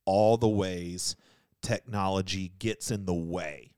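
A man's voice: sits low, steady tone, takes it slowly, dark tone, smooth, no room sound, clean studio sound. A man co-hosting a church podcast, thinking aloud in a rambling, casual way. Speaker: podcast co-host. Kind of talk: casual discussion.

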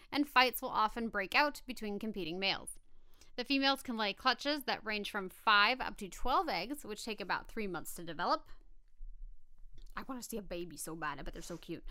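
Bright, high-voiced woman podcast co-host. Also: smooth, no echo. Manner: giggly, expressive, stumbles playfully over scientific words. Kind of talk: casual animal-facts talk, reading notes with chatty asides.

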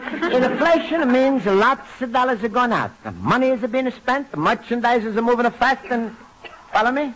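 A man's voice: extremely high pitch, very animated, moderate pace, a bit bright, heavily acted, low-quality recording. An actor playing a naive, self-important Italian immigrant would-be businessman, earnest and boastful with an Italian accent, in an old radio sitcom. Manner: earnest, boastful, mangles American slang. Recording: old radio recording with faint noise.

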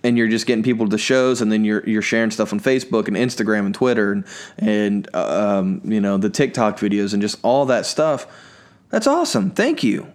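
A man's voice: on the low side, steady tone, fairly quick, smooth. A man hosting his own podcast as a stand-up comedian, telling family anecdotes in a loose, rambling way and thanking his listeners. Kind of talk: casual storytelling chat.

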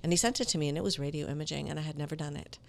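Speaking rapid-fire in a low, smooth voice with a note of authority, a woman voice actor shares career stories as an interview guest. She's animated and performs the dialogue in her conversational anecdotes.

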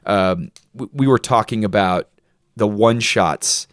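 A man co-hosting a casual podcast, talking in a relaxed, easygoing way and joking at his own expense. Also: on the low side, unhurried, clean tone, dry recording, studio quality. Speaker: podcast co-host.

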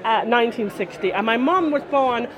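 A woman's voice: on the high side, lively intonation, normal speed, poor audio. Woman in her forties, west of Ireland accent, casual rambling storyteller, crowd murmur behind. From Connemara, west of Ireland. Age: 40s. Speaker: interviewee, folk musician. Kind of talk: casual chatty interview. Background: crowd after a concert.

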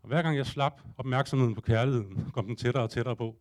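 Animated man telling a wild story. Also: medium pitch. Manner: animated, acts out his own panic and thoughts, casual swearing. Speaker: storyteller addressing a live audience. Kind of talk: comic first-person storytelling.

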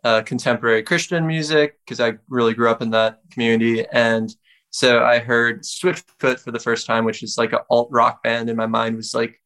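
A young man from Wisconsin, a musician guest speaking in a relaxed, reflective way. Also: mid-range voice, normal speed. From Wisconsin, United States. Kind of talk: casual interview talk.

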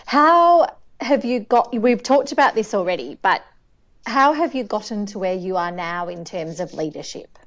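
A woman hosting an interview, affirming and quick to agree, asking easygoing questions. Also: mid-range voice, lively intonation, highs cut off. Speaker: interview host. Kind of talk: conversational interview.

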